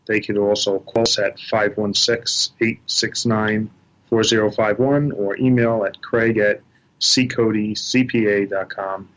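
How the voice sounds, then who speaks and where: A man's voice: fairly low pitch, flat delivery, measured pace, fairly bright tone, low-quality recording. A man speaking as an accountant guest on a podcast, hesitant and full of fillers. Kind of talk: casual interview chat.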